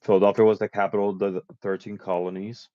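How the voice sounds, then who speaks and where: A man's voice: fairly low pitch, flat delivery, fast, no echo, lo-fi sound. A man of about fifty from Puerto Rico, a guest in a casual chat, talking at length and listing facts one after another. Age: around 50. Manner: chatty, lists facts at length.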